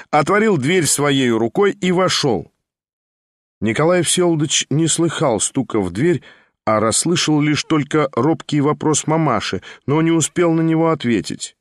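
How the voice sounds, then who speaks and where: A man's voice: medium pitch, dry recording. Man narrating an audiobook, dry. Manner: measured, even storytelling. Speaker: audiobook reader. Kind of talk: scripted narration.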